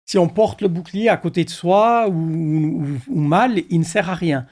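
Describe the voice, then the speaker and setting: Pasteur calme à la voix assez haute. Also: male voice, high-pitched, moderate pace. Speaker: pastor. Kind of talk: reflective conversation.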